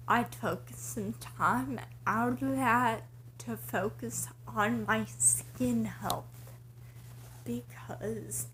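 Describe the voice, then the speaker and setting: A woman vlogger with breathy, airy starts to her words, talking casually in slow, halting, short broken phrases. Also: fairly high pitch, a little hiss or hum, poor audio. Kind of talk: casual personal vlog to camera.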